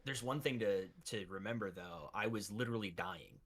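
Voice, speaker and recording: A man's voice: on the low side, moderate pace, a crowd in the background. A man co-hosting a podcast in casual chat, joking and swearing as he talks. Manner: profane, joking banter. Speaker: podcast co-host.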